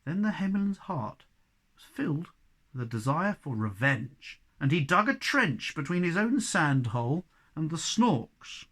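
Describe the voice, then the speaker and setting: A man, a primary school teacher, reading a children's storybook aloud in an expressive way. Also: a little high, measured pace.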